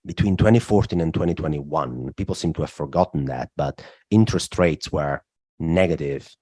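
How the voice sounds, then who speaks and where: A man from southern Italy speaks in a very low, deep voice. He explains at length as a podcast guest, leaning on "look" and "uh" as he builds each point. The sound is close and dry, with no room around it. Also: moderate pace, darkish tone, breathy edge, dry recording. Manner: explanatory, frequent "look" and "uh" fillers. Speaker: guest, macro strategist. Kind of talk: podcast interview.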